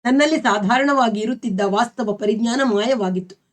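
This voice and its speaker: A woman with a Kannada accent reading a novel aloud as a storyteller, in a steady, expressive way. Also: a little high, moderate pace.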